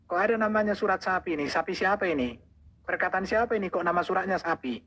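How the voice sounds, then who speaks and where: A man's voice: sits high, lively intonation, fast, a bit bright, a little hiss or hum. Combative, mocking man hosting a debate. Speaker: live stream host. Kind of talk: heated live debate.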